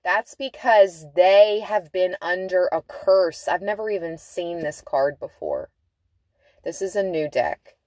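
A woman's voice: fairly low pitch, unhurried, darkish tone, dry recording. A woman giving a casual tarot reading from inside a car, chatty and laughing, stretching out words for emphasis. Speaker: tarot reader.

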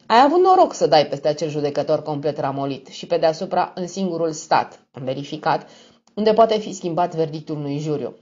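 A woman's voice: deep voice, a little mellow. A woman voicing a smug, mocking young male blackmailer with an affected tone. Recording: dull lo-fi recording.

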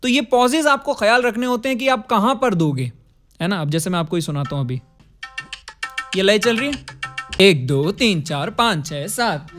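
A man's voice: high voice, brisk, long pauses, fairly bright tone. A man teaching music, explaining rhythm with counted beats and short sung phrases. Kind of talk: music lesson with sung examples.

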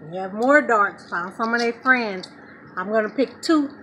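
A relaxed, playful woman in her forties talks to the camera at her home, her voice sitting a bit high. She chats casually with viewers. Faint outdoor noise runs in the background. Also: moderate pace, low-quality recording. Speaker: vlog co-host. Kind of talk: casual vlog chat. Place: outdoor patio and garage of a home. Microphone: camera a few feet away.

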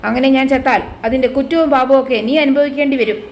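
A woman's voice: high voice, fairly even intonation, fast, a little mellow, slight background noise. A woman voicing a jealous, bitter young wife who accuses and threatens her sister. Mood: accusing.

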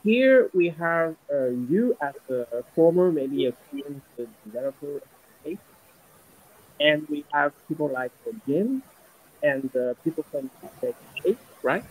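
A man with a fairly high voice asks his question in halting, hesitant bursts, full of fillers and restarts. His audio comes through a computer mic on a video call and sounds muffled and glitchy, breaking up and cutting out. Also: lively intonation. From Europe. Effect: glitchy, muffled call audio that keeps cutting out. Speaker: developer asking a question.

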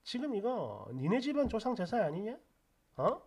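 A woman doing a calm, cutting young wife. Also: normal speed, husky. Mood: cold fury. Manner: low, calm, cutting speech.

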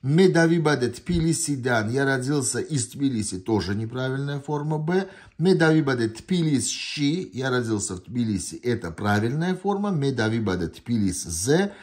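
With a mid-range voice, lively intonation and a darkish tone, a man patiently explains test answers at a moderate pace. He's a language tutor reading from a printed sheet in his hand, thinking aloud with hesitations and self-corrections. The setting is an indoor desk, recorded by a phone camera angled down at the sheet.

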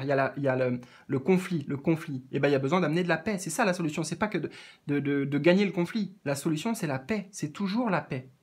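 A man with a slightly high voice reads oracle cards for his viewers. He talks gently and haltingly, often restarting and repeating words as he addresses the listener directly. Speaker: oracle card reader. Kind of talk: spiritual guidance reading.

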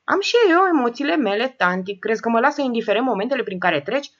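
A jittery grown nephew who whines and protests his innocence, voiced by a woman reading aloud. His lines rise high and excited. The sound is a little muffled. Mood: whiny. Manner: whining, pleading. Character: nervous whiny adult nephew, man.

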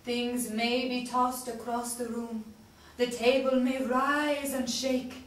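In a stage comedy sketch, a woman plays a pompous fake spirit medium, speaking with solemn, portentous drama. Her voice is on the high side, level, and slow. The recording comes from a distant mic in an echoey room with faint noise.

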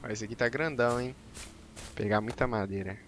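A man's voice: mid-range voice, a little fast, slight background noise. A man giving slangy, joking gameplay commentary on a live stream and teasing his chat. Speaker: game streamer.

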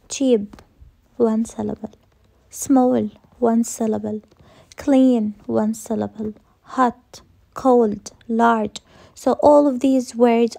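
A woman's voice: a little high, gravelly, mellow. A woman teaching English grammar in a recorded lesson, repeating each rule and answering her own questions.

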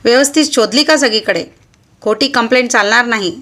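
A woman voicing a gruff, rude middle-aged male police constable who barks and scolds. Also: a little high, normal speed, sharp tone. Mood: curt. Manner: barking, scolding.

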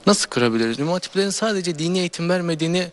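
A teenage boy, a high school student, giving earnest, speech-like answers in an interview, with many hesitations. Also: lively intonation, rapid-fire. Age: teens.

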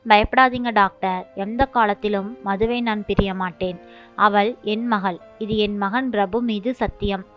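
A gentle, earnest young widow, as a woman reads her. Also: mid-range voice, steady tone, unhurried, close to an everyday voice. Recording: dull lo-fi with faint music.

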